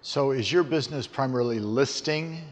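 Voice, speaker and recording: A man hosting a seminar on stage, interviewing guests in a brisk, joking way. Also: mid-range voice. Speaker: seminar host, coach. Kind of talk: onstage interview. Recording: large hall with audience.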